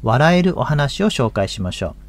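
A man's voice: mid-range voice, big pitch swings, normal speed. A man in his fifties with a Tohoku accent, a pastor hosting a religious radio talk in a folksy, chatty way. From Akita, Japan. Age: 50s.

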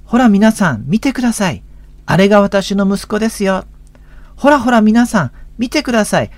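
Guy putting on a bragging mom yelling about her kid, way higher voice. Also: animated, moderate pace, no room sound. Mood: boastful. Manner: loud, showy calling out to the crowd. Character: boastful proud mother at a school sports day.

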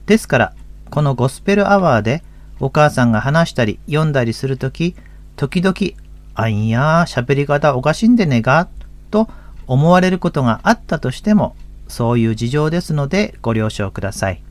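A man's voice: mid-range voice, big pitch swings, a little fast, dry recording. A man in his fifties with a Tohoku accent, a pastor hosting a religious radio talk in a folksy, chatty way. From Akita, Japan. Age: 50s.

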